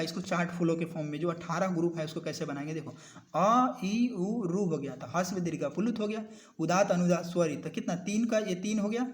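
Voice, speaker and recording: A man with a fairly high voice leads a recorded lesson. He switches between two languages and keeps asking his students questions. When he dictates a definition he slows right down, and he closes each point with a quick "okay.". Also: a little mellow. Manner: ends points with a habitual "okay". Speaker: teacher. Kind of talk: recorded lecture.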